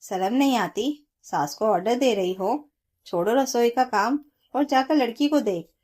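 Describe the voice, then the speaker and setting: A woman's voice: a little high, a little slow, darkish tone, voice pushed up. A woman storyteller voicing a stern, bossy mother-in-law who scolds her daughter-in-law. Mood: scolding.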